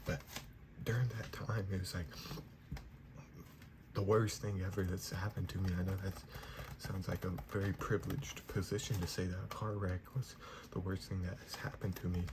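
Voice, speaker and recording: Low whispered male ASMR pep talk. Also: little pitch movement, moderate pace. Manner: soft, whispering, reassuring. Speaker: ASMR creator giving positive affirmations. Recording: noisy, clear background hiss.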